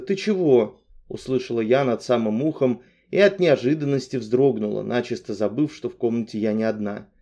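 Man, audiobook narrator, calm even reading, mellow warm tone, mid pitch. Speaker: audiobook reader. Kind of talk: scripted narration.

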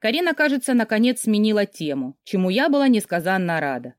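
A woman reads a first-person novel aloud with lively, expressive storytelling. Her voice moves widely in pitch. The recording is close and dry, with no room echo. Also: fast talker. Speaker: audiobook narrator.

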